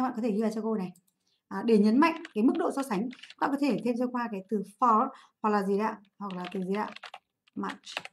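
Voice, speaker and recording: A woman English teacher from Vietnam, giving a livestream exam review, asking her students questions and answering them herself. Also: on the high side. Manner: drills English words by repeating them slowly.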